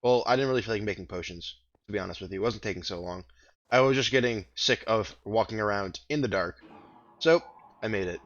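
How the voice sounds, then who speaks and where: A man with a lowish, groggy morning voice talks through his gameplay, wandering from thought to thought as he plays. The recording is dull and lo-fi. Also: fairly quick. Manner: rambling, thinking aloud while playing. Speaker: gaming video host. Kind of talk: casual let's-play commentary.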